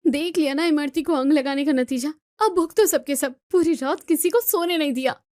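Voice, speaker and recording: Scolding daughter-in-law, voiced by the narrator, high and exasperated, dry close storybook audio. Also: female voice, moderate pace, darkish tone, no room sound, close to an everyday voice. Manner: scolding, pleading.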